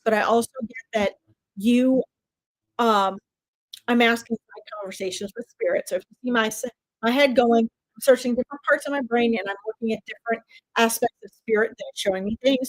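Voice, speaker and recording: Brief: woman, 50s, higher voice, chatty psychic medium on a live stream, dry close sound. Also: no echo, poor audio. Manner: chatty, animated, talks straight to viewers. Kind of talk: live-stream reading, addressing viewers.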